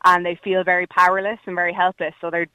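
A woman's voice: lowish voice, flat delivery, quick pace, pushed and bright, no echo, rough recording. A woman with a west of Ireland accent, calling in to a radio phone-in to debate, challenging but hesitant with ums. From Galway, west of Ireland. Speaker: phone-in caller.

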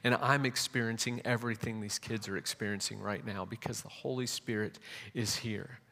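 A man's voice: medium pitch, fairly bright tone. A young man preaching a sermon, telling a story animatedly with frequent restarts. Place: church hall. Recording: reverberant church hall.

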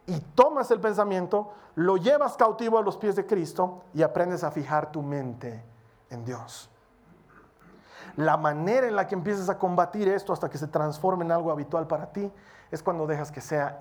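A preacher giving a sermon in an earnest, exhorting manner, speeding up and slowing down for emphasis. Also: mid-range voice, darkish tone. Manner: acts out short quoted prayers and dialogue.

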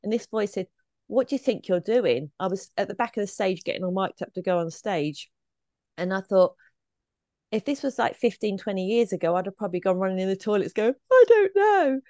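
A woman's voice: medium pitch, steady tone, a little fast, dark tone, no echo. A woman speaking as a podcast guest and trauma coach, talking chattily and giggling as she acts out quoted voices. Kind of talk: conversational interview answers.

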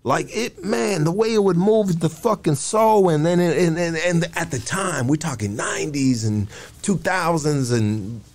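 Slangy, emphatic man hosting a podcast, slightly high-pitched. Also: measured pace, a little mellow. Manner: slangy, heavy swearing, emphatic street talk. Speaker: podcast host. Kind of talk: casual chat.

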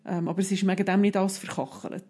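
A woman who calmly explains parenting advice, step by step, in a casual podcast chat. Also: medium pitch, fast talker.

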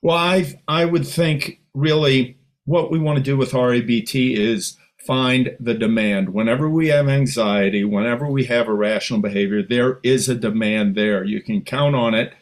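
A man speaking as a panelist in a professional discussion, in an emphatic, deliberate way. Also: medium pitch.

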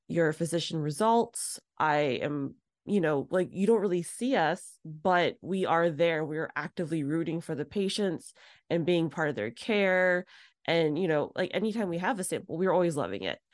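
Woman cohosting a podcast, lowish voice, acts out convos w big pitch jumps, dry close sound. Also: lively intonation, normal speed, no room sound. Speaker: podcast co-host. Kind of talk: casual podcast chat.

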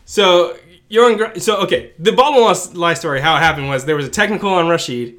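A man's voice: a little high, fairly quick, a bit bright. A man co-hosting a casual show, animatedly recounting sports stories with frequent laughs and asides. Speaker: podcast co-host. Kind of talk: casual storytelling chat.

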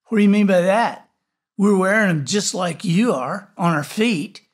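A man voicing a young girl who snaps back quickly and defensively. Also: high-pitched, pitched above the performer's own voice. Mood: indignant. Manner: sharp, fast, defensive.

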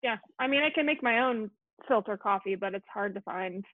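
A woman's voice: medium pitch, no echo. Chatty young woman host, tinny line. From Colorado, USA. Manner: chatty, quick, self-deprecating. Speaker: podcast host. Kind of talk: casual chat. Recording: tinny phone-like call audio.

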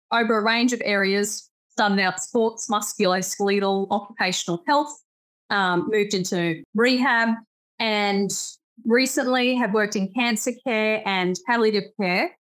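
A woman's voice: medium pitch, a little slow, fairly bright tone. A woman in her fifties with an Australian accent, a physiotherapist chatting as a guest in an upbeat way. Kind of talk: conversational interview.

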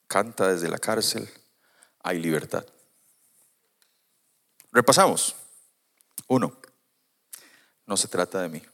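A man preaching a sermon, animated, moving from quiet asides to loud emphatic points. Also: low-pitched, creaky.

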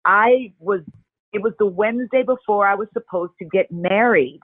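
An expressive woman chats as an interview guest, her voice coming through a narrow, tinny phone-like line. The sound is dry and close, with no room echo. She tells stories with lively energy. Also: medium pitch, normal speed. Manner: expressive, animated storyteller. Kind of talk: casual interview chat.

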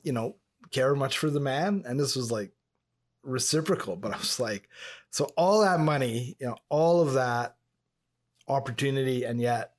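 A man's voice: mid-range voice, animated, moderate pace. Chatty man from Montreal. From Montreal, Canada. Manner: chatty, rambling storyteller. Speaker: podcast co-host. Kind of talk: casual podcast chat.

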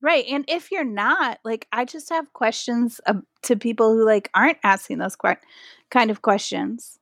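Guesting on a podcast, a female pastor speaks animatedly in a storytelling way, leaning heavily on "like" as a filler. Her voice is a little high at a moderate pace, and the studio sound is clean and echo-free.

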